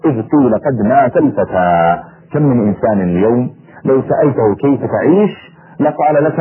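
A man's voice: mid-range voice, breathy edge. A man preaching an impassioned sermon to his listeners, acting out the voices in the stories he tells. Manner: impassioned, acts out dialogue. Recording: tinny phone-like radio sound.

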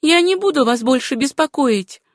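A numb young widow speaks in a soft, lifted voice, gentle yet insistent as she turns away kindness, as a female storyteller puts her on. The sound is dry and close, with no room around it, in the manner of a read-aloud novel. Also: high-pitched, animated, normal speed, no room sound, voice pushed up. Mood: numb insistence.

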